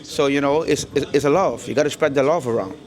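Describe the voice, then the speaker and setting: This casual interview features a Guyanese barbershop owner, middle-aged, with a mid-range voice and fast delivery. Sitting in his indoor shop, he chats easily about the business, repeating words and filling gaps with "you know".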